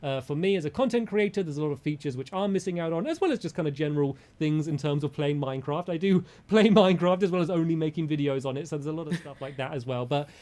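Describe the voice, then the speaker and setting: Man, slightly higher voice, measured casual commentary, diplomatic, careful qualifications. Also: darkish tone. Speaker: gaming content creator.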